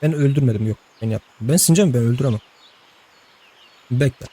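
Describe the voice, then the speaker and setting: A man's voice: mid-range voice, fairly quick, warm tone, a little hiss or hum. Chatty young man narrating gameplay. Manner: chatty, talks to game characters, laughs often. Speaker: gameplay host. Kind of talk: casual let's-play commentary.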